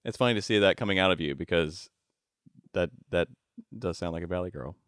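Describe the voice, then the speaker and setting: A man's voice: low voice, brisk, a bit bright, clean tone, no echo, studio quality. A man hosting a podcast interview, friendly and teasing, laughing along with his guest. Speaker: podcast host.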